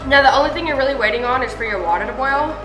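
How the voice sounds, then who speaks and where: A woman with a high voice hosts a home cooking video, talking very fast in a casual, rambling, chatty style. She's recorded indoors in a kitchen, where the room echoes and music plays in the background.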